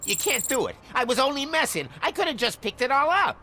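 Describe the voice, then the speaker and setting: Mocking punk bully in a game, cartoon villain sneer, high sharp voice. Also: male voice, sing-song, a little fast, a little hiss or hum, exaggerated voice. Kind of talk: video game acting.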